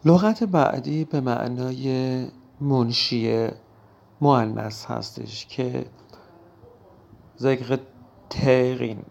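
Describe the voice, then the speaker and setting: A man teaching a language vocabulary lesson, repeating each word slowly for pronunciation drill. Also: mid-range voice, gravelly, darkish tone, dull audio.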